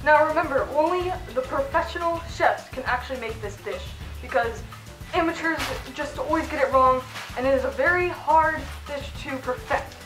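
Woman, high voice, jokey cooking host, echoey kitchen, faint music behind. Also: moderate pace. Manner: jokey, chatty, mock-instructional. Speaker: channel host cooking in fursuit. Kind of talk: playful cooking tutorial. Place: home kitchen.

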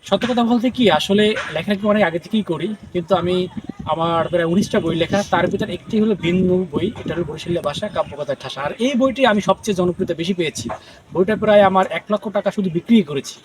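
A man from Barishal speaks as an interviewed poet, earnest and increasingly emphatic. His voice sits high and his words come fast. A faint hum of ambient noise runs behind him. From Barishal region, Bangladesh. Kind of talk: interview answers.

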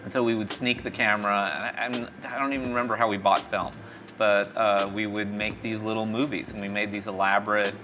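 A middle-aged startup founder and CEO, born in Mexico and raised in East Texas, is being interviewed in a small café by a street window. His lowish voice moves little in pitch and runs a bit fast over music. He rambles casually, full of fillers and restarts.

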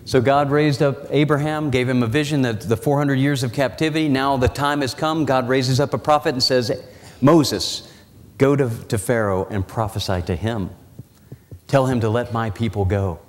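Man preaching with dramatic low emphasis. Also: normal speed. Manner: walks the platform, gesturing as he preaches. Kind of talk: sermon. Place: church sanctuary. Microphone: lapel mic and pulpit mic. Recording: church hall reverb.

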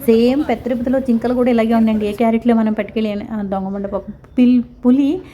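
A woman's voice: on the high side, steady tone, fast, warm tone, a little hiss or hum. A woman vlogger chatting casually and sympathetically, rambling with frequent restarts. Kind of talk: casual vlog voice-over.

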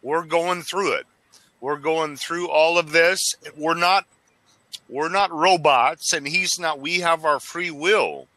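Speaking over a headset from a small, dimly lit room, a caller from Arizona in his forties rambles passionately about faith in a casual religious video chat, tripping over his words. His voice is a little high, bright, and forceful, delivered slowly. There's no echo, though the audio is poor.

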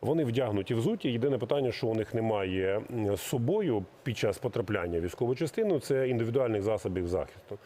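A middle-aged military recruiting official answers interview questions in a measured, explanatory way, hesitating often. His voice is lowish, animated and warm.

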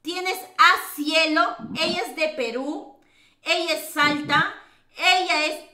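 A woman's voice: extremely high pitch, slow, pushed and bright, reverberant. A Peruvian woman streaming a game, chatting and teasing with lots of fillers and laughter. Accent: Peruvian Spanish. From Peru. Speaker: streamer host. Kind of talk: casual chat while gaming.

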